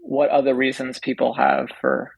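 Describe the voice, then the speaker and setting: A man co-hosting a casual podcast with a gravelly, husky voice and a dry, wry way of talking. The sound is close and dry, with little room around it. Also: mid-range voice, completely flat delivery, normal speed, no echo, highs cut off. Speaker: podcast co-host.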